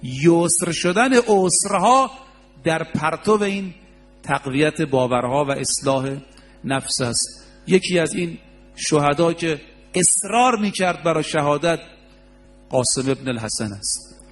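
A man's voice: a little high, expressive, long pauses, soft background music. A man preaching a religious sermon, telling stories with quoted dialogue and rising emphasis.

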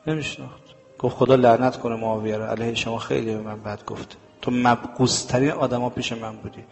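A man's voice: medium pitch, flat delivery, creaky, a little mellow, long reverb tail, faint music behind. A man preaching a sermon to a live audience. He speaks emphatically and keeps asking questions that he then answers himself. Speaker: religious preacher.

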